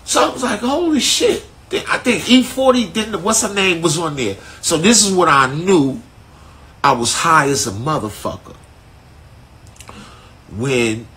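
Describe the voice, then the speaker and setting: A man, telling a story in casual street slang on a live stream from his phone, animated and profane. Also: mid-range voice, breathy edge. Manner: animated, profane, laid-back street slang with frequent "right?". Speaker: artist hosting a live stream.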